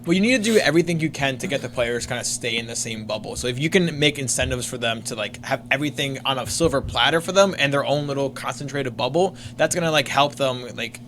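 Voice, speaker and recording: A man's voice: mid-range voice, expressive, fast, few pauses, fairly bright tone, a little hiss or hum. A man co-hosting a sports podcast, rambling casually with lots of fillers. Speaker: podcast co-host.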